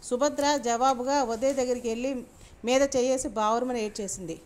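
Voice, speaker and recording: A woman reads a serialized novel aloud, chapter by chapter. Her voice is high and her delivery steady and measured, like a storyteller at ease with her own text.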